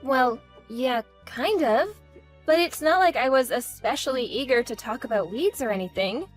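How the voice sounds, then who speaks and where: A woman's voice: sits high, lively intonation, moderate pace, soft background music. A woman playing a meek, polite daughter-in-law in a scripted audio drama, apologetic and eager to please. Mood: polite, uneasy. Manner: apologetic, placating.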